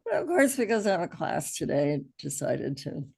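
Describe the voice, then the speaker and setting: In an informal online hypnosis class, a middle-aged American woman reassures and encourages her students in a voice made gravelly and hoarse by allergies. She speaks low and fairly quickly, with a sing-song lilt and a darkish tone.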